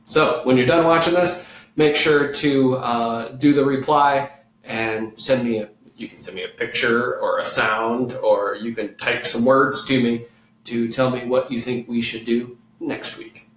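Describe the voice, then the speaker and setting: A man teaching an online children's music lesson, leading slow, patient call-and-response. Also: mid-range voice, steady tone, a bit bright, recorded from a distance, slight background noise. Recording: echoey room with guitar playing.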